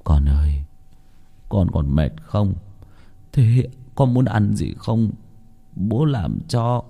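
Worried old father in a ghost story, soft and pleading, voice rising and falling , as a man acts him out. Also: on the low side, big pitch swings, slow, vocal fry, heavily acted. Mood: tender. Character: anxious elderly father pleading for his son.

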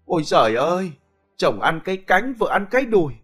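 A woman's voice: fairly low pitch, big pitch swings, fairly quick, husky, soft background music, pitched above the performer's own voice. A man voicing a furious, foul-mouthed village wife who screeches curses and wails in a storybook reading. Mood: screeching abuse.

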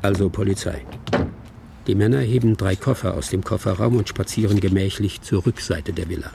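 With a low, brisk voice and vocal fry, a man narrates a radio drama, reading a film script in short, observational present-tense lines. He plays a detached narrator in a suspenseful mood, with music beneath him and background noise.

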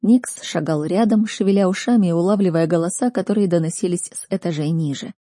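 Female audiobook narrator: expressive and dramatic, husky low voice, dry close-miked sound. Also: fairly quick, no echo. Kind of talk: first-person audiobook narration.

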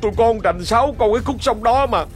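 A man's voice: high-pitched, expressive, normal speed, fairly bright tone, faint music behind, pitched above the performer's own voice. A man voicing a terrified young male servant who stammers and pleads in a ghost story. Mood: pleading. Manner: whimpering, pleading, frantic.

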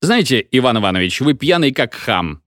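A man's voice: medium pitch, sing-song, moderate pace, a bit bright, dry recording, clean studio sound. A man doing an indignant village meeting chairman. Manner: indignant, exclaiming.

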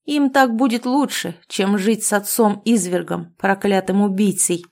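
A woman's voice: medium pitch, a little slow, a little mellow, lightly acted. Woman reading a cold, vengeful male hero. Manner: cold and mocking. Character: vengeful man, the first-person hero.

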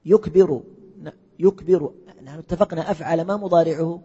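A male teacher with a husky, mellow voice leads a classroom lesson, firing questions at his students and echoing their answers. The sound is muffled and lo-fi, with a long reverb from a large hall. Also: fairly high pitch, a little fast. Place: lecture hall.

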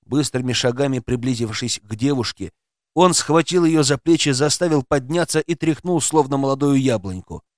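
Lively male audiobook narrator. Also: mid-range voice, normal speed, no echo, clean studio sound.

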